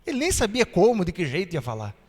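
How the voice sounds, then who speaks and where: High-voiced pastor preaching. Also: male voice, wildly swooping pitch, fast talker. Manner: storytelling, earnest, with dramatic drops in volume. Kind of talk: sermon. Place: church hall. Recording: reverberant church hall.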